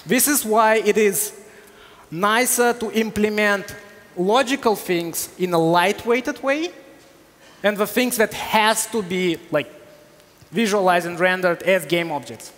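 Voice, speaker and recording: A high-pitched man in his thirties fields technical questions from a conference audience, explaining step by step with plenty of "uh"s. He wears a headset mic in a big hall, and a long reverb trails his voice. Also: a little slow, fairly bright tone. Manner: explanatory, with hesitations. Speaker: conference speaker. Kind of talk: technical Q&A on stage. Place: large hall on stage.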